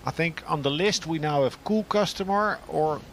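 A man from Europe commentating live on a pool match, calmly explaining each shot and position. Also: on the high side, gravelly, slight background noise. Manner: measured, analytical shot-by-shot explanation.

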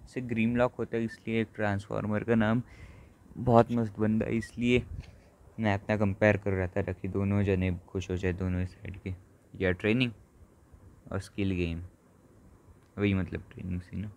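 A man giving casual live commentary on a mobile football game, excitable and exclaiming often as he talks to his viewers like friends. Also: fairly low pitch, normal speed, pauses often, slight background noise. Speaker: gaming channel host.

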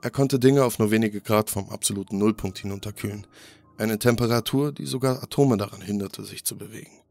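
Man, horror story narration, steady and grave, lowish voice, soft music underneath. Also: brisk, vocal fry. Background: faint music.

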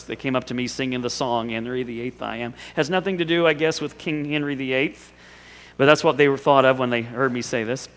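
A man's voice: on the high side, fairly bright tone, in a large hall. A male pastor preaching a sermon, telling it like a story in a conversational way and asking the congregation rhetorical questions. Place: church sanctuary.

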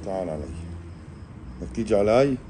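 A man, casually explaining to viewers while calmly coaxing an animal, often in a hushed voice. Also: fairly low pitch, a little fast, noisy background. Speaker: reptile keeper vlogger. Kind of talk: casual handheld animal vlog.

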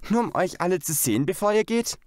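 A giggly, eager young girl from a storybook, voiced by a man. She speaks high and lively, pleading with her brother, in a close, dry voice. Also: fast talker, dry recording.

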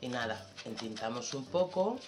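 A woman explains a scrapbooking project in a relaxed, conversational tutorial voice-over. She chats and muses aloud as she works. The sound is roomy, with faint music underneath. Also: very deep voice, moderate pace. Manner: chatty, relaxed, thinking aloud while working. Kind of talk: casual craft tutorial voice-over.

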